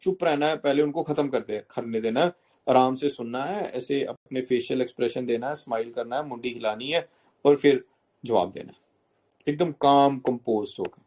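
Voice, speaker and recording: A man coaches students through interview etiquette in a mid-pitched, everyday voice. He lays out each point step by step, slips English terms into Hindi and keeps checking that his listeners follow. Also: moderate pace, a little mellow. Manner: instructs step by step, often checks in with "okay?".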